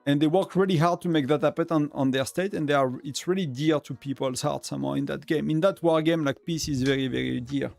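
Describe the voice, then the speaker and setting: A man's voice: a little high, steady tone, a little fast, vocal fry, hardly any pauses, a little mellow, faint music behind. A man with a French accent, whose first language is French, chatting casually on a live game stream, rambling with many fillers and restarts. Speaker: gaming streamer.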